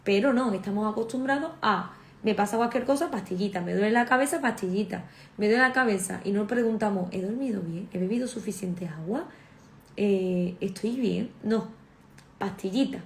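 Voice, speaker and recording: A woman therapist speaking conversationally about natural health, animated and acting out the voices of her patients. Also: medium pitch, moderate pace, reverberant, slight background noise. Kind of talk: casual conversational talk.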